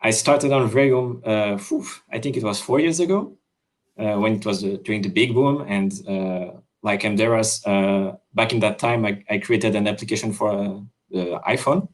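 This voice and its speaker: A Swiss-born man talks over a video call, explaining his app work with frequent pauses and "uh"s. His voice sits a little low. He sounds casual and unscripted, restarting sentences as he goes. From Switzerland. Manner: hesitant, many fillers and restarts. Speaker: crypto developer.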